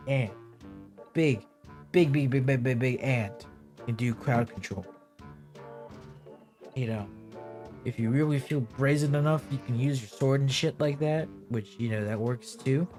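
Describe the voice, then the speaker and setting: A man's voice: medium pitch, a little mellow. A young man in his twenties with hiccups, giving rambling, profane, casual commentary over his gameplay, full of fillers. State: has hiccups. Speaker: gaming video creator.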